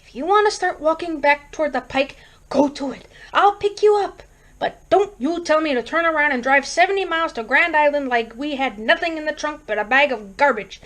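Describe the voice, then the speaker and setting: A woman's voice: sits high, a little fast, a bit bright, pitched above the performer's own voice. A woman reading aloud, voicing a stubborn, short-tempered husband who talks bluntly and impatiently. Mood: stern.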